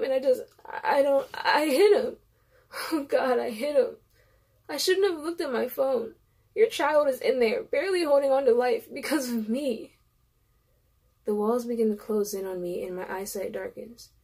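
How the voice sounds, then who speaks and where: A woman's voice: mid-range voice, dark tone, slightly rough. A young woman reading a story aloud in the first person, emotional, with chatty asides between passages. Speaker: reader of a story.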